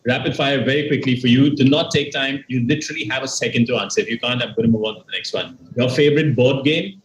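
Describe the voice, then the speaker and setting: A man co-hosting a virtual dating show over a video call, brisk and joking. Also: mid-range voice. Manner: joking, brisk, quick-fire. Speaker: show host. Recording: echoey room with faint noise.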